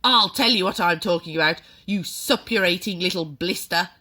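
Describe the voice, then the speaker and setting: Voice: mid-range voice, lively intonation, measured pace, pitched above the performer's own voice. A reader voicing a furious, bullying headmistress who barks and screams insults at a boy. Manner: barking, shouting insults.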